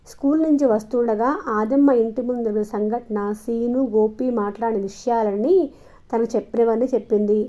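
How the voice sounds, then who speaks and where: A woman narrating an audio novel in a calm, even storytelling manner, in a dull lo-fi recording. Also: fairly high pitch. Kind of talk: scripted narration.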